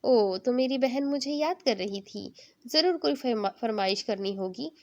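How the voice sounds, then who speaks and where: A teasing, caring older brother, fond and a little playful, read by a woman in her own fairly high voice. A storybook reading, not a heavy character voice. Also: lively intonation.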